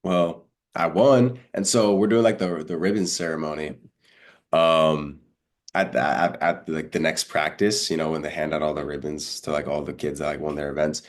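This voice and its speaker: Stuffed up and feeling unwell, a young college high jumper appears as a relaxed interview guest, recounting stories in slangy talk and performing the dialogue he remembers. He speaks at normal speed in an extremely deep, steady voice.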